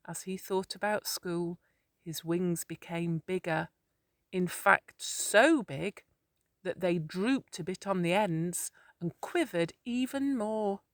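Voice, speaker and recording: Female storyteller, calm therapeutic bedtime-story read, unhurried, dry studio feel. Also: fairly low pitch, gravelly, no room sound. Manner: slow, soothing, measured.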